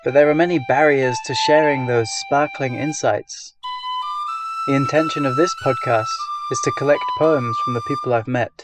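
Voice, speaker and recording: A man, the host, giving a gentle, measured scripted introduction. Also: mid-range voice, fairly even intonation. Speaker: podcast host. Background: loud flute music.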